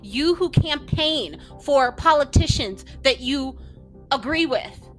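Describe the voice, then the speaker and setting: A high-voiced woman hosts a political podcast in a passionate, unscripted rant. She swings from heated emphasis to hushed asides, with faint music under her voice. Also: animated, slow pace. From United States. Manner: fired up, then dropping into quiet apologetic asides. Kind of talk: impassioned political monologue.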